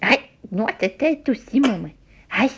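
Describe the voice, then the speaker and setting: A woman's voice: a little high, lively intonation, unhurried, breathy edge. A mother coaxing her baby in cooing, sing-song baby talk at home, full of praise.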